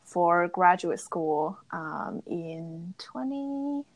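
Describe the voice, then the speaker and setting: A guest English teacher from China, a woman in her thirties, chats casually in an interview. Her voice leans low and animated, and she speaks unhurriedly and thoughtfully, using frequent fillers.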